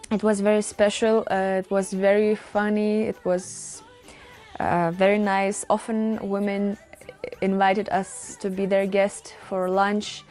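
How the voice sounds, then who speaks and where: Woman from Lithuania, volunteer nurse; mellow, reflective, hesitant talker. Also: medium pitch. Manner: reflective, hesitant, many fillers. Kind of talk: interview testimonial.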